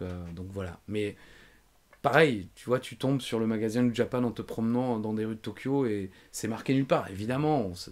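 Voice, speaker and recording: A man's voice: lowish voice, a little mellow. A man hosting a podcast, chatting casually and telling rambling, self-mocking travel anecdotes. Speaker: podcast host.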